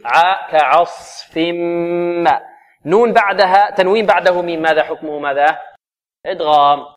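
A man teaching a Quran recitation lesson. He quizzes his students and draws verse words out slowly to demonstrate them. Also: a little high, a bit bright. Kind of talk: tajweed lesson.

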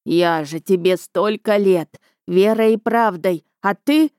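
A woman's voice: medium pitch, slow pace, a little mellow, clear, resonant tone, no room sound, studio quality, natural voice. A woman doing a sulky male house spirit. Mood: hurt. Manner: sulky, wailing, sniffling. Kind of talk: audiobook character voice.

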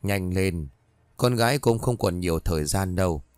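A man voicing a calm, knowing old woman healer in a spoken ghost story. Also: deep voice, normal speed, no room sound, pitched below the performer's own voice, natural voice.

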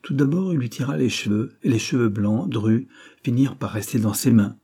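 A man narrating a novel aloud in a steady, measured reading. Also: medium pitch, breathy edge. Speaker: audiobook reader. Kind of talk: storybook narration.

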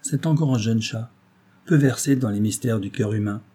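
A man's voice: fairly low pitch, moderate pace, warm tone, slightly rough. A man reading aloud voices a kindly, good-natured middle-aged husband who is easily flustered. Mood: earnest.

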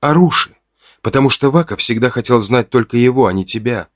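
Give me a stern young healer woman, as a male narrator puts her on, raised pitch. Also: animated, brisk, close to an everyday voice. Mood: firm. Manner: firm, demanding.

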